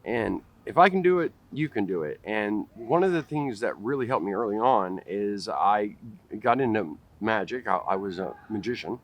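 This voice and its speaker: Speaking straight into a close-up camera at face level, a forties-aged vlogger in a park delivers a direct-to-camera talk. He has a stutter, so he repeats initial sounds and starts words over, and his lowish voice is expressive at a moderate pace.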